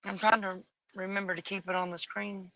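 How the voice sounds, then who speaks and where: A woman streaming from home, chatting casually and musing aloud as she colors, with a bit of rough morning voice. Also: medium pitch, little pitch movement, fairly quick, sharp tone, low-quality recording. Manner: muses aloud, picky and chatty, folksy asides. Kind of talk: casual chat while coloring. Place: home at night.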